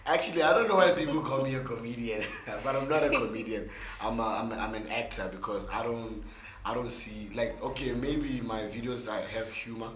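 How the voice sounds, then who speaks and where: A young man with a South African accent and a hoarse, worn voice, chatting casually in an interview with emphatic, repeated words. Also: mid-range voice, moderate pace, fairly bright tone. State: hoarse from gigs the day before. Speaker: interview guest, content creator and musician. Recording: echoey room with faint background noise.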